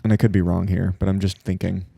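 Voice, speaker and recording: A young man co-hosting a podcast in casual chat, earnest and hedging his points, quick to laugh. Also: deep voice, little pitch movement, gravelly, warm tone, breathy edge. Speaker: podcast co-host.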